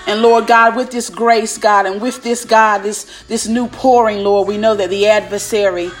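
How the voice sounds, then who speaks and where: Music accompanies a woman praying aloud like a preacher, commanding and fervent, who punctuates her lines with repeated invocations of God. Her voice is medium in pitch, fairly even in intonation, and normal in speed.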